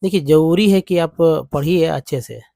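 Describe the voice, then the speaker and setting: A man's voice: on the high side, gravelly, warm tone, no echo. A man teaching English reading in Hindi. He sounds out English words syllable by syllable with an Indian accent and talks to viewers as friends. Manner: reads English text word by word, slowly sounding out syllables; addresses viewers as friends, repeating and explaining patiently.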